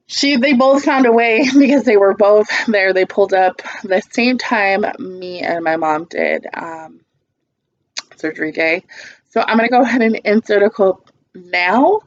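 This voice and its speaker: A woman's voice: medium pitch, dry recording, muffled recording. A woman vlogger telling a storytime in a casual, blunt and sarcastic way, swearing freely.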